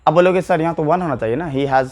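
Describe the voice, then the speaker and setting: A man's voice: a little high, fast. A man teaching an English grammar lesson, explaining patiently, repeating key points and addressing viewers casually as brother.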